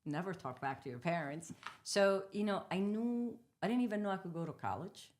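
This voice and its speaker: A woman in her fifties from the Dominican Republic, a native Spanish speaker, appears as a guest entrepreneur in a casual interview. She speaks briskly in a lowish voice, telling her story candidly with animated retellings.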